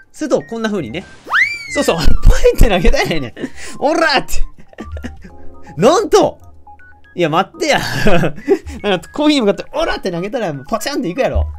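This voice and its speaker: A man with a Kansai accent streaming a mystery game, reading out the characters' lines and joking along with playful, animated commentary. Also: extremely high pitch. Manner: playful, animated, jokes with the game and often laughs.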